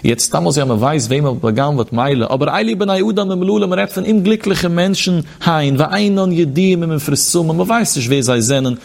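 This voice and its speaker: A man's voice: a little high, lively intonation, brisk, vocal fry, few pauses, darkish tone. A man giving a religious text lesson, reading quoted passages aloud and explaining them with emphatic rhetorical questions. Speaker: religious teacher.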